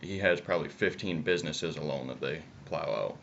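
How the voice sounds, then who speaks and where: A man's voice: extremely low pitch, brisk, gravelly, fairly bright tone. A young man chats casually and bluntly, swearing, with chewing tobacco in his lip. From upstate New York, United States. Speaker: video co-host. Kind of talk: casual political chat. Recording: muffled, noisy amateur video audio.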